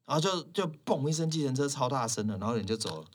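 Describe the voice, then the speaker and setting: A quick-talking man, chatting casually as a hairstylist guest. He tells his stories in a lively way and slips into other voices for the people he quotes. His voice sits at an ordinary middle pitch for a man. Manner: animated, acts out quoted dialogue in shifted voices. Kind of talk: casual chat, storytelling.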